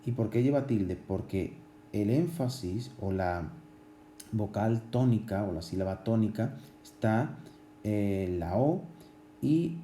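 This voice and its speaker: A man teaching grammar at a board, explaining slowly with many pauses, fillers and restarts. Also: fairly low pitch, warm tone, roomy sound, slight background noise. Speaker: Spanish language teacher.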